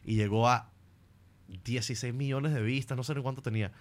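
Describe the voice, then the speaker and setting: A man with a Venezuelan accent, a comedian guest telling stories on a podcast in a lively way. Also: mid-range voice, a little fast. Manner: animated storyteller who slips into accents and impressions. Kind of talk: casual podcast storytelling.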